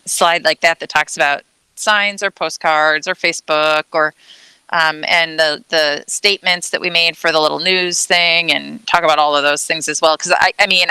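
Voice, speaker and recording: A woman's voice: deep voice, sharp tone, smooth, dry recording, rough recording. A woman on a school board, thinking aloud in a casual meeting discussion with many fillers and restarts.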